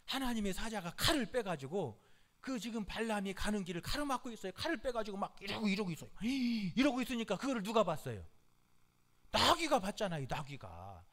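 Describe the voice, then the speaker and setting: A man's voice: high-pitched, sing-song, a little fast, a bit bright. A male pastor preaching a midweek sermon in an emphatic, repetitive way, calling out hallelujah often.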